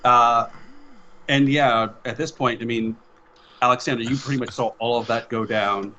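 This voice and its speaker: A man's voice: mid-range voice, steady tone, moderate pace, sharp tone, muffled recording, slight background noise. Rambling man running a tabletop game. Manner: loose, rambling, swears, laughs often. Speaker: game master.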